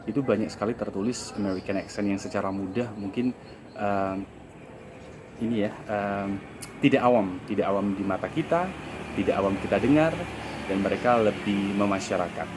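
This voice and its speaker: A man's voice: on the low side, noisy background. A man explaining an English lesson in a casual, repetitive way with many fillers. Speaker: English teacher.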